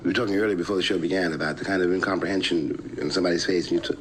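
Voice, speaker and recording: A man speaking thoughtfully in a television conversation, measured and searching for his words. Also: sits low, fairly even intonation. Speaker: interview guest. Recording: archival broadcast with faint noise.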